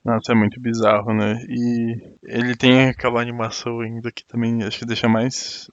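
A man's voice: mid-range voice, little pitch movement, moderate pace, no echo, lo-fi sound. A man chatting on a podcast, commenting eagerly on an anime's look. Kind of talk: casual chat.

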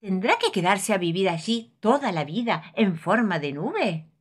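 A woman's voice: mid-range voice, lively intonation, measured pace, breathy edge. A woman voicing an earnest male cricket teacher in a storybook, encouraging and explaining like a teacher. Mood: teacherly.

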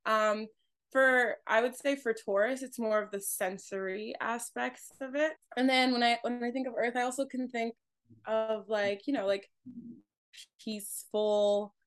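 A woman's voice: fairly high pitch, steady tone, measured pace, smooth. A young adult woman co-hosting a podcast, sharing thoughts in a casual, hesitant way as she searches for words. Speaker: podcast co-host. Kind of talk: casual reflective chat.

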